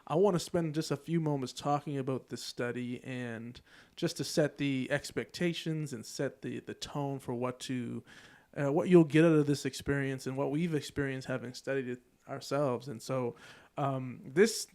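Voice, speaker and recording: A man co-hosting a church podcast, explaining a study in a thoughtful, steady way. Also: mid-range voice, moderate pace. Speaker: podcast co-host. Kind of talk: podcast discussion.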